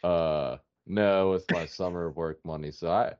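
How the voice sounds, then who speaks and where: Low-voiced man in his thirties, jokey and laughing, casual podcast banter on a muffled lo-fi mic. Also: steady tone, unhurried, darkish tone, smooth. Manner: laughing, jokey, self-mocking. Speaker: podcast co-host. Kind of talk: casual chat.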